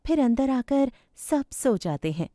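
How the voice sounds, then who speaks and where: Woman narrating a kids cartoon, high lively voice, slow, dry studio sound. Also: no echo. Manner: slow, expressive storytelling.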